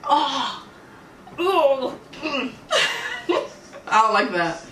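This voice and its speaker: Hosting a reaction video, this Canadian woman talks casually to viewers, laughs, exclaims and startles easily, in Canadian English. Her high, somewhat bright voice is sing-song and extremely slow. The recording carries slight background noise and a roomy, distant echo.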